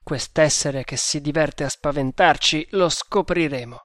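Man playing a courageous hunter, low steady voice, unhurried, dry close sound. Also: dry recording. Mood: resolute. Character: brave defiant male hunter.

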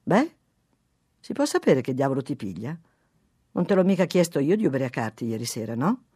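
A woman's voice: very deep voice, sing-song, normal speed, warm tone, husky, no room sound, clean studio sound, full character voice. A reader voicing a tired, irritated wife who keeps pressing her husband. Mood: sharp. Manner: nagging, insistent.

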